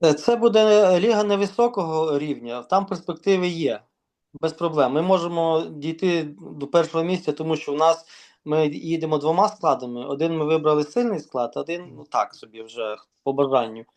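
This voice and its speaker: Man, volleyball organizer, interview guest, hesitant, many fillers, a little high-pitched. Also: a little fast, a little mellow. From Ukraine. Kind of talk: casual interview talk.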